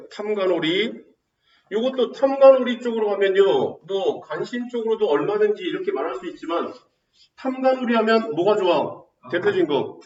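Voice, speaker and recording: A male teacher runs an exam-prep lecture, constantly throwing quick rhetorical questions at students and answering them himself. His voice sits fairly high. It is heard from a distance in a roomy space, with a slightly dull sound. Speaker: Korean literature teacher.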